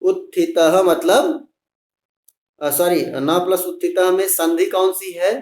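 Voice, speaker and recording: A man's voice: sits high, a little mellow, echoey room. A man teaching a Sanskrit class to schoolchildren, patiently breaking words into parts and coaxing the pupils to answer. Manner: patient, coaxing, spells out words slowly piece by piece.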